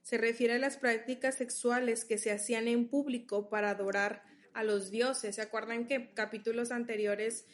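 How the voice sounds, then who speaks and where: A woman's voice: a little high, fairly even intonation, normal speed, hardly any pauses. A woman leading a Bible study. She reads verses aloud, explains them patiently and checks in with her listeners.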